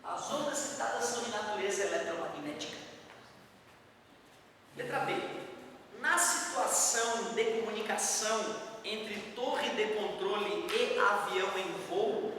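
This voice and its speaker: A man's voice: high-pitched, expressive, unhurried, pushed and bright. A man teaching a physics lesson, explaining each step patiently and tossing casual asides to his students. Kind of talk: classroom lecture. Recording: very echoey, distant, faint background noise.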